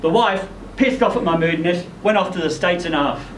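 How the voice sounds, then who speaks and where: At an indoor live literary event, a man performs a first-person short story aloud, narrating in character as an ageing rock singer. His voice is high and a little fast. The distant mic captures an echoey room with faint noise.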